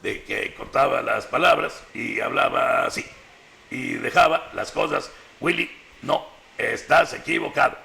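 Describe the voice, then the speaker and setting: A man voicing a cheeky, disrespectful little alien puppet in a gravelly voice that clips its words. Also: medium pitch, lively intonation, unhurried, sharp tone, voice pushed up, exaggerated voice. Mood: brash.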